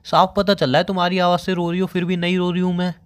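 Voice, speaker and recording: Young guy grilling his girlfriend over the phone, talks fast, keeps pushing and scolding. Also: sits high, monotone. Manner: insistent, pressing questions, scolding. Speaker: boyfriend on a phone call. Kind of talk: staged phone-call conversation.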